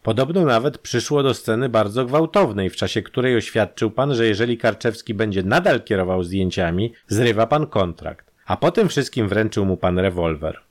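Detective, male, composed and relentless, measured questioning, read by a male narrator. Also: lowish voice, animated, natural voice. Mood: probing. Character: calm, dry, persistent male police detective.

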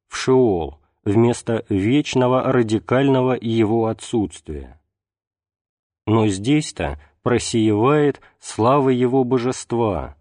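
A man reading a religious text aloud as an audiobook narrator, in a measured, unhurried way. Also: mid-range voice, dark tone, dry recording, studio quality. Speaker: audiobook reader.

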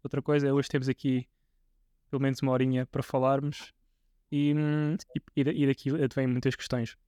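Speaking a little fast in a mellow, mid-range voice with a level tone, a twentysomething man with a European Portuguese accent hosts a casual podcast interview. He keeps restarting and uses plenty of fillers. There's no echo, and the sound is studio quality.

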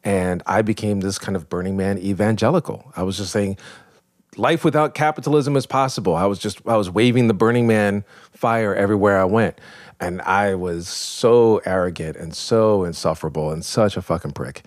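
Deep-voiced man telling a vivid story. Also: steady tone, normal speed, darkish tone, dry recording, studio quality. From New York. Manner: vivid, self-mocking storyteller. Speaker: guest, professor. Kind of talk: storytelling in a podcast interview.

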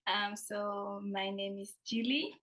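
A young woman from Tanzania, a student and podcast guest, talking in a relaxed, giggly way. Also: mid-range voice, slow. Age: young adult. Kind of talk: interview conversation.

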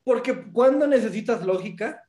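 A man's voice: high-pitched, expressive, moderate pace, mellow, echoey room. A man with a Mexican accent co-hosting a casual, humorous film review, sardonic and mock-serious in his delivery. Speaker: co-host of a movie review show.

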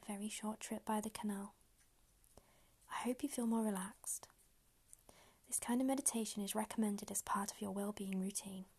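Woman, meditation guide, whispers throughout, mellow and breathy, close-miked and unhurried. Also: mid-range voice. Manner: slow, soft, unhurried instructions.

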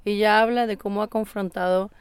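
A woman host reads a scripted narration at a measured, even pace. Her voice is smooth and resonant. The sound is dry and close, with no room echo. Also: mid-range voice.

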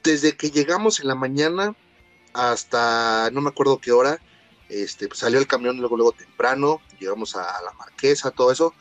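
A man's voice: mid-range voice, normal speed, soft background music. A man with a Mexican accent telling childhood stories in casual, slangy chat, acting out what people said. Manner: animated, slangy, acts out quotes.

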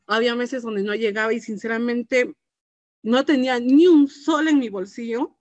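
A woman's voice: fairly high pitch, normal speed, darkish tone, dry recording, lo-fi sound. A woman giving a heartfelt personal testimony, often ending phrases with a questioning tag. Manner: earnest and heartfelt, tags phrases with "¿no?". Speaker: business entrepreneur giving a testimony.

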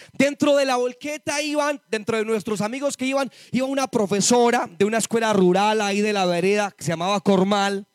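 A man giving an impassioned testimony sermon to a church congregation, addressing them as brothers and rising to shouted exhortation. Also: very high-pitched, no echo, clean studio sound. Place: church service before a congregation.

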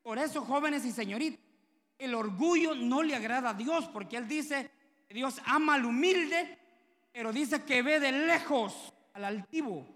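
A man's voice: very high-pitched, unhurried, a bit bright, in a large hall. A man preaching a sermon, telling stories and acting out the dialogue in them. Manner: conversational storytelling, acting out quoted dialogue.

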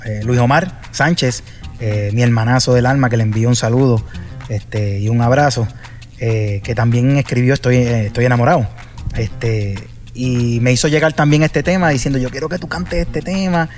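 A man's voice: mid-range voice, fairly even intonation, normal speed, a little mellow. Puerto Rican male singer, rambling storyteller, fillers galore, light music bed. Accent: Puerto Rican Spanish. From Puerto Rico. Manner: chatty storyteller, many fillers and restarts. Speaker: salsa singer, guest. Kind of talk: casual interview chat.

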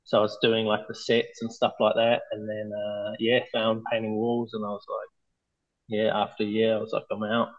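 Kiwi guy with a thick nz accent chatting in an interview, pretty flat pitch, laid back and halting, bit muffled recording. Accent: broad New Zealand. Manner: laid-back, hesitant, informal phrasing. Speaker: interview guest, mural artist. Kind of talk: casual interview chat.

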